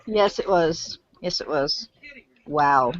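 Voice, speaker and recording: A woman in her late twenties who hosts a casual chat, swearing freely and reacting loudly. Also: deep voice, animated, slow pace. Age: 20s. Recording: lo-fi audio with faint noise.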